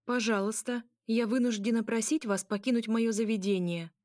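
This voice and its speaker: A woman voicing a timid, frightened female shopkeeper who squeaks and pleads. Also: animated, a little slow, darkish tone, dry recording, studio quality.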